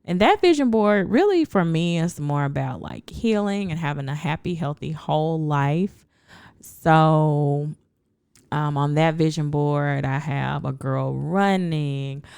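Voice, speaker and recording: Woman, very low voice, gravelly, dry close sound, podcast host, deliberate radio-style talk. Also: darkish tone, dry recording. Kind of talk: casual chat.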